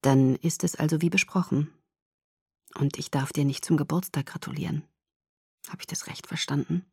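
A woman voicing a calm, soft-spoken young man in an audiobook, low and gentle. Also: moderate pace, slightly rough, dry recording, clean studio sound. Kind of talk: audiobook character voice.

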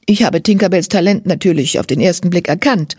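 A woman's voice: lowish voice, a little fast, a little mellow, slightly rough, dry recording, studio quality. A woman reading a children's audiobook, voicing a vain, boastful lady who owns horses and turns to shrieking. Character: vain shrill horse-owning society lady. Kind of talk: audiobook character voice.

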